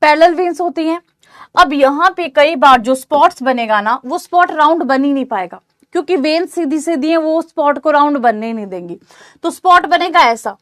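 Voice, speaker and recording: This online exam-prep lecture comes from a woman teacher with a high voice, captured in studio quality without echo. Her tone is comforting, and she frequently checks comprehension with "theek hai."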